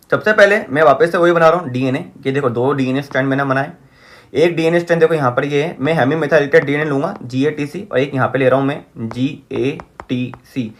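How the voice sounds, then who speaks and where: A man teaches at a whiteboard. He repeats key terms and keeps asking whether everything is clear. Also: a little high, a bit bright. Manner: repeats key terms, asks the class rhetorical checks. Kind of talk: whiteboard lecture.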